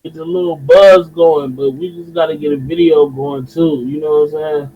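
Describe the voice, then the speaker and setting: A man from Detroit with a Detroit accent, talking in animated slangy chat on a podcast. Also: a little high, normal speed. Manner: animated, slangy, repeats himself. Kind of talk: casual chat. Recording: dull lo-fi sound.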